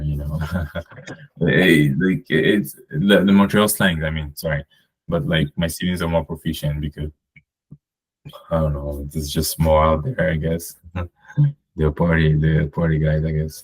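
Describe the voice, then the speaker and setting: A man's voice: rumbling low, flat delivery, unhurried, slightly rough. A man from Cameroon, a podcast guest, talking casually and rambling with many fillers and restarts. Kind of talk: casual conversation.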